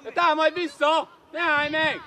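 A man coaching youth footballers from the sideline, shouting short urgent calls and praise, outdoors on a pitch. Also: little pitch movement. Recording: noisy outdoor pitch-side recording.

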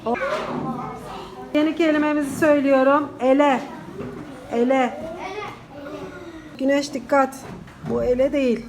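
A woman teaching primary school dictates words and brief phrases to her young pupils in a classroom drill, repeating each and giving directions and encouraging words. She speaks in a high, level tone, a little slowly, leaving long pauses indoors.

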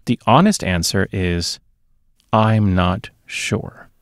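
A middle-aged man co-hosts a podcast, casually and emphatically chatting about movies close to a boom-arm podcast mic. He talks slowly with a fairly low pitch, and the recording from the small, dark, sound-treated booth is dry.

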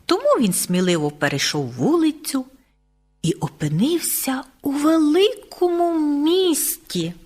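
A woman reads a children's story on the radio, slow and unhurried, her high voice rising and falling in a sing-song way. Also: sing-song, darkish tone.

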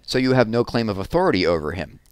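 A man reading aloud, voicing a sharp, probing female lawyer who questions coolly and pointedly. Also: lowish voice, sing-song, fast talker, smooth, no echo, pitched above the performer's own voice.

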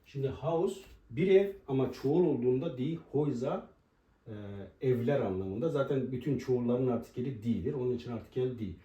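A man teaching a language lesson at a board, explaining pronunciation and slowly repeating each example word. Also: mid-range voice, warm tone, highs cut off. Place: room with a writing board. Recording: roomy echo, voice from a distance.

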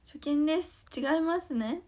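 Speaking at a normal speed in a high, warm voice, this Osaka teen is an idol livestream host. She chats casually with a Kansai accent, shy and giggly, reading fan comments and thanking everyone.

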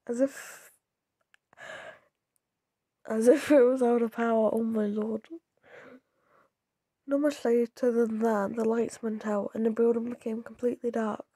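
A young woman, a bit hoarse, reading a story aloud and stopping to react in a chatty, giggly way with many restarts. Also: on the high side, level tone, unhurried, long pauses, warm tone, no echo. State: slightly hoarse. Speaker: YouTuber reading stories.

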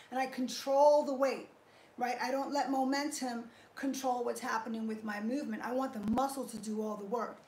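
With slight background noise in her echoey garage, a middle-aged woman speaks in a high-pitched voice while hosting an informal fitness livestream. She's in good spirits, thanking viewers and breaking down her training step by step, as a fixed camera records from a few feet away.

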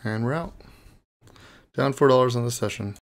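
A man's voice: mid-range voice, normal speed. A man streaming online poker, talking through his hands in a casual, profane mutter. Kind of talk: live poker commentary.

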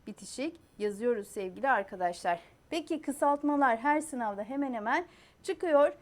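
A young adult woman teaching a lesson on spelling rules. She asks rhetorical questions, repeats key points and spells out letters one by one. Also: high-pitched. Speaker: Turkish language teacher.

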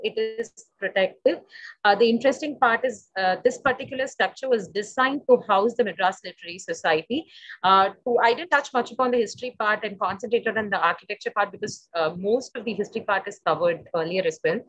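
A woman presents a library's building in a webinar over a video conference call. She explains at length and often pauses to search for her words. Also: mid-range voice, a bit bright, no echo. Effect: video conference call audio that drops out at times. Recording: dull dry video-call audio.

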